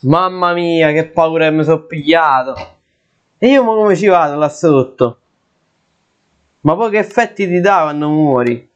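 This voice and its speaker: A man's voice: a little high, animated, unhurried. A young man giving let's play commentary, jittery and often exclaiming and swearing in fright. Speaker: gaming video creator. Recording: dull lo-fi sound.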